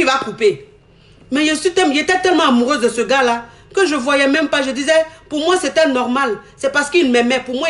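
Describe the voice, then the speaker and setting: A young woman telling her own love story candidly. She talks in an animated way, repeats her lines and acts out what others said. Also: high-pitched. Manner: animated, repeats herself, acts out quoted talk. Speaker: woman giving a testimony.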